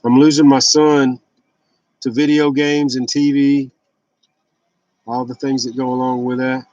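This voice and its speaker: A man in his fifties vlogs about his fasting and fitness journey, talking in a casual, candid, rambling way that is blunt and confessional. His medium-pitched, darkish voice is flat and unhurried, and the audio is dull with no room sound.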